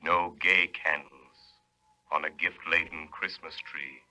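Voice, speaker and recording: A menacing unseen avenger of classic radio drama, very low in pitch. The voice is piercingly bright and forceful, solemn and theatrical, passing judgment with grave command. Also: male voice, fairly even intonation, slow pace, exaggerated voice, rough recording. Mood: stern, accusing. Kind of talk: 1930s-40s radio drama acting.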